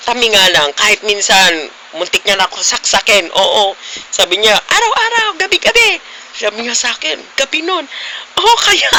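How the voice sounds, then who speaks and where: A man's voice: high voice, bright, forceful tone, slight background noise, rough recording. A young man vlogging casually, teasing his friends playfully with frequent giggles. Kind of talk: casual vlog chat.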